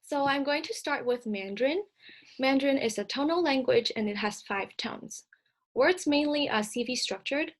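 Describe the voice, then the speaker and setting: With a high voice, a woman whose first language is Cantonese gives a recorded lecture over slides. Her delivery is measured and explanatory, dotted with frequent filler sounds.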